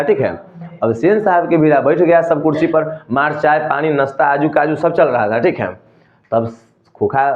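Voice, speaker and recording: A man with a Bihari Hindi accent explaining a story to students in a loose, colloquial way, asking questions and answering them himself. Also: fairly high pitch. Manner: colloquial, asks and answers his own questions. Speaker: teacher. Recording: echoey room, tinny phone-like sound.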